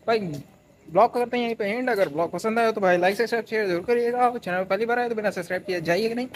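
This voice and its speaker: Talking very fast in a high voice, a young male vlogger holds his phone at arm's length while wandering city streets and markets. He chats and ribs his friend with slangy banter, and crowd noise is loud on the recording.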